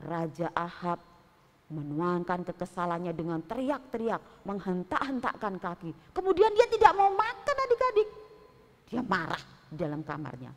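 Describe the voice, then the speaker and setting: A woman Sunday school teacher telling a Bible story to children in an animated way, acting out sounds. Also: fairly low pitch, moderate pace, background noise. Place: church hall. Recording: long hall reverb.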